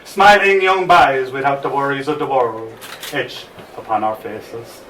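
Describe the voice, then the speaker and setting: A noisy, echoey bar recording picks up an Irish man some way from the microphone. He performs live spoken word as a storyteller, with a measured, dramatic delivery and a mid-pitched voice. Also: bright, forceful tone, far from the mic. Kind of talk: live spoken-word recitation at an open mic. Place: bar open-mic night, distant microphone.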